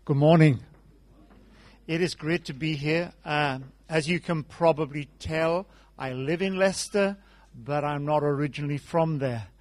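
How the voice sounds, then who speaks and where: A man's voice: fairly high pitch, measured pace, a little mellow. Welsh man preaching a storytelling sermon. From South Wales. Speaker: guest preacher. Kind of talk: conversational sermon.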